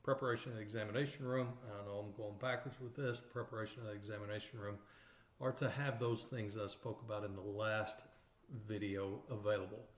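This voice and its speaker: A man's voice: lowish voice, fairly even intonation, brisk. A man with an East Texas accent teaching radiography in a lecture over slides, explaining step by step with many fillers and restarts. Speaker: radiography instructor. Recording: roomy echoey recording.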